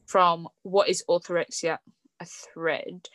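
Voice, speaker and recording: A woman's voice: on the low side, level tone, takes it slowly, fairly bright tone, dry recording. A young woman hosting a podcast, chatting casually with frequent fillers and light laughs. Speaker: podcast host. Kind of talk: casual conversational podcast chat.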